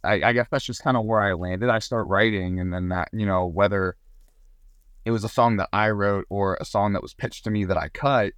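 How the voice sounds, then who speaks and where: In a casual podcast conversation recorded with clean studio sound and no echo, a guest singer-songwriter from Southern Maryland, USA, speaks in a lowish, steady, smooth voice that's a bit bright and a little fast. He's chatty, often restarting sentences and filling gaps.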